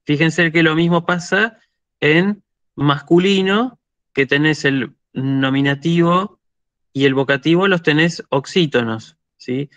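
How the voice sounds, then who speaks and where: A man's voice: a little high, takes it slowly, fairly bright tone, dry recording, muffled recording. A man with an Argentine Spanish accent, teaching a university lecture and often checking in with "¿sí?" while he thinks aloud.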